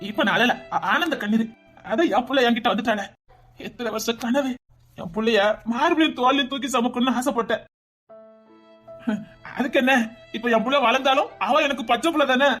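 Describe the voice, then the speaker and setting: A man's voice: extremely high pitch, fairly quick, pauses often, fairly bright tone, soft background music. A fervent, devoted father. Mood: joyfully tearful. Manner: fervent, tearful declarations. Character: devoted middle-aged father, joyfully weeping. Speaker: father in a TV serial. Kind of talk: emotional TV serial acting.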